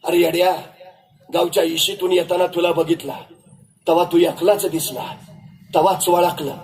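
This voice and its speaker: A man's voice: a little high, level tone, a little slow, a little mellow, slight background noise, pitched below the performer's own voice, close to an everyday voice. A man voicing a grieving, proud old village mother in rustic dialect, within a storytelling speech. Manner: rustic dialect, earnest pleading.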